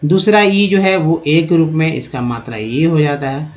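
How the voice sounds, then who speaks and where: A man giving a spoken lesson on English spelling and pronunciation, who keeps asking rhetorical questions and answering them, and who repeats the sounds slowly. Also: a little high, fairly even intonation. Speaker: English teacher. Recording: dull lo-fi recording.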